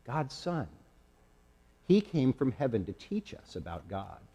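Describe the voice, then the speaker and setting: A man voicing a gentle young mother in a children's nativity story, speaking softly and reassuringly. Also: mid-range voice, big pitch swings, a little slow, husky, exaggerated voice. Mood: serene. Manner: soft, tender, reassuring. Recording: echoey hall with long reverb.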